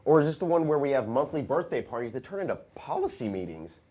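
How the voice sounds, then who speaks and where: An actor playing a bewildered, sarcastic office slacker in a comedy drama. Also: male voice, mid-range voice, big pitch swings, fast talker, mellow, slight background noise, close to an everyday voice. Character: bewildered, sarcastic slacker office worker, grieving his friend. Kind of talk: comedic audio-drama dialogue.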